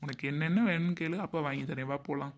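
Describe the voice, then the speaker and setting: A man's voice: on the high side, steady tone, quick pace, close to an everyday voice. A man playing a doting father who fusses and frets over the cost of his family, in a comic skit. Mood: coaxing. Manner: coaxing and pleading, often groaning in dismay. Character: doting, fretful middle-aged father worried about money.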